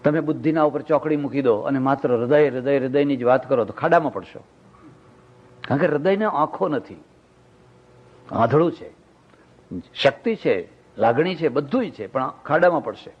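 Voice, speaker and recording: An older man giving a storytelling sermon as a monk, animated and acting out the people in his stories. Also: medium pitch, normal speed, long pauses, slightly rough. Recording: dull lo-fi recording.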